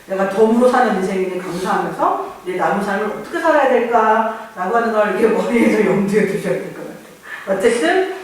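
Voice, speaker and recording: A pastor delivers a sermon in an easy, talky way, slipping into little voices to act out what people think. The pitch swings widely and keeps the delivery lively. The sound comes from a distant mic in a heavily echoing church. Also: fairly quick, a little hiss or hum. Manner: conversational, acts out inner voices. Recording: very echoey church, far mic.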